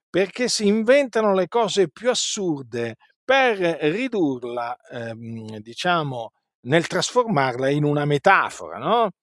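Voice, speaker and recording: Man, preacher, emphatic, rhetorical questions, animated pitch, dry recording. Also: no echo. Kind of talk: bible teaching sermon.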